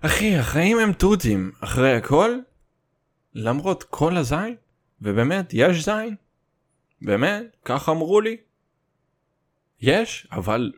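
A man's voice: on the high side, big pitch swings, pauses often. A young man with a Russian accent in his Hebrew, rambling casually and comedically in crude slang, swearing and dropping in English words. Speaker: solo host.

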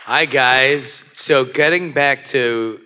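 A man in the audience at a live panel, deadpan and joking along with the hosts. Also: mid-range voice, takes it slowly, a crowd in the background, background noise. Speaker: audience member asking a question. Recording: reverberant convention hall.

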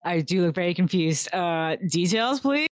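A woman's voice: lowish voice, expressive, moderate pace, no room sound, clean studio sound. A woman playing a tabletop game, answering the game master in a playful, casual way. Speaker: player. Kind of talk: tabletop role-play chat.

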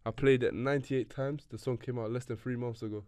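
A man's voice: medium pitch, steady tone, a little fast, darkish tone, clean tone, no echo. Laid-back young man, slang. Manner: offhand slang, teasing. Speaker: podcast co-host. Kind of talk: casual chat.

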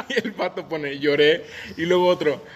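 A man's voice: high-pitched, very animated, takes it slowly, a bit bright, breathy edge. A young Mexican man with a Mexican Spanish accent, co-hosting a podcast, laughing often and teasing in slangy chat. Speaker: podcast co-host. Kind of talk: casual podcast banter.

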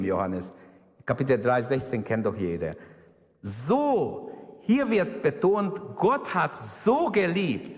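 A man delivers a sermon in a fervent, emphatic way, and his pitch swings widely from phrase to phrase. He speaks slowly and deliberately. His voice rings through a reverberant church hall. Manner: fervent, emphatic preaching with exclamations. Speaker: preacher.

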